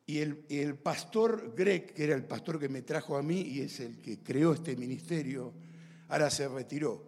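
Middle-aged Rioplatense male pastor, lively testimony sermon, slightly high pitch. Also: moderate pace, big-room sound. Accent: Rioplatense Spanish. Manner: animated storyteller, talks to audience.

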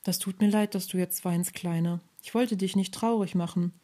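A woman voicing a soft, gentle talking fir tree. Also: on the low side, steady tone, normal speed, natural voice. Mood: pleading. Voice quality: soft rustling voice. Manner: polite, pleading.

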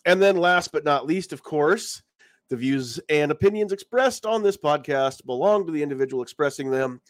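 On the high side for a man, this podcast host's voice is studio quality with no echo. He chats casually on a live stream, congested while getting over a cold, a lozenge in his mouth.

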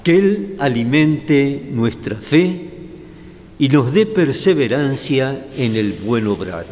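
A man, a priest presiding at Mass, reciting prayers and blessings in a measured, solemn way, his voice ringing with long cathedral reverb. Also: medium pitch, sing-song, darkish tone. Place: large cathedral, indoors. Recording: echoey cathedral with faint ambient noise.

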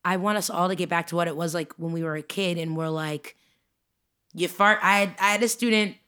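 A young woman co-hosting a podcast, talking in a casual, animated way and often laughing as she tells stories. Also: fairly low pitch, a little fast. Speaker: podcast co-host. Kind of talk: casual chat.

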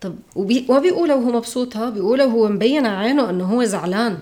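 A woman's voice: on the high side, very fast, warm tone. A woman with a Levantine Arabic accent, a podcast guest in casual, reflective conversation. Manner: reflective, acts out quoted voices.

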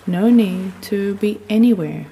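Slow, mellow woman narrating for sleep. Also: mid-range voice. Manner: soothing, unhurried, gently instructing. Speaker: guided sleep meditation narrator. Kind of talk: sleep story narration, guided relaxation. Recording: long reverb, audible background noise.

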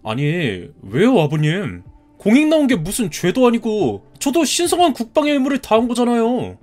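A man's voice: very high-pitched, wildly swooping pitch, normal speed, darkish tone, soft background music, exaggerated voice. A man in his thirties voicing a polite but stubborn young groom-to-be who answers back in a cartoon story. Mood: pleading. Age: 30s. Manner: polite, defiant retorts.

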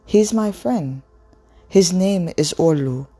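A woman's voice: fairly low pitch, expressive, takes it slowly, dark tone, husky, soft background music, voice pushed up, full character voice. A woman reading aloud and voicing an earnest, emotional teenage girl in a storybook. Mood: gentle.

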